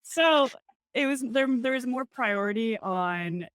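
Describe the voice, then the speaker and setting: A young woman chatting as a podcast guest, relaxed and laughing often between loose, filler-heavy sentences. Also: fairly high pitch, takes it slowly, clean tone, no echo. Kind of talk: casual conversational interview.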